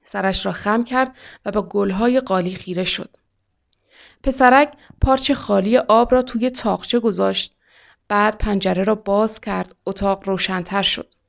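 A woman author reading her own short story in a calm, measured storytelling manner. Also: mid-range voice, vocal fry.

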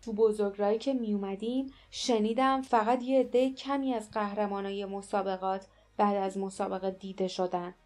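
Woman voicing a grim, hushed warrior man. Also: medium pitch, steady tone, soft background music, natural voice.

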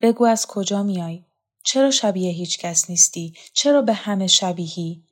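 A woman's voice: medium pitch, expressive, close to an everyday voice. A woman voicing a yearning, fervent young man in love, with an earnest, pleading delivery in a storybook reading.

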